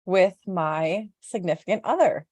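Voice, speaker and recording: A woman with a fairly low voice hosts a podcast in a relaxed, casual chat. She talks playfully with her guest. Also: breathy edge, dry recording. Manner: playful, quick to laugh. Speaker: podcast host.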